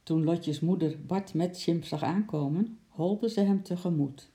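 Gravelly, dark-voiced storyteller. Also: medium pitch, a little slow. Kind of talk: reading a children's story aloud.

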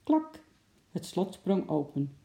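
A narrator reading a chapter of a children's book in a lively storytelling manner. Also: mid-range voice, unhurried, creaky. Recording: roomy echo.

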